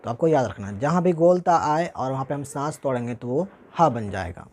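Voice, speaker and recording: A man teaching Quran reading, reciting each word slowly and carefully and explaining pronunciation. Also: medium pitch, expressive, a little mellow, a little hiss or hum.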